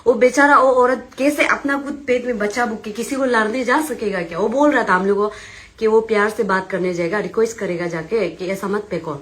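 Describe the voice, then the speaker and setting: A young woman with an Arunachal Pradesh accent gives reporters an agitated, insistent eyewitness account, recounting the dispute through quoted dialogue. Her mid-range voice is brisk with a fairly bright tone.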